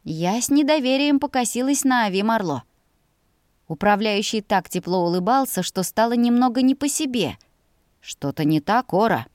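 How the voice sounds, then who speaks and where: A woman narrating a first-person novel in a lively, expressive reading. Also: a little high, normal speed, no room sound, clean studio sound. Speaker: audiobook narrator.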